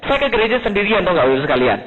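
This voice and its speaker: A man from Indonesia giving an animated Islamic lecture to an audience, swinging between high emphatic lines and low asides and asking rhetorical questions. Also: rapid-fire. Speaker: preacher. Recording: tinny lo-fi recording in a large hall.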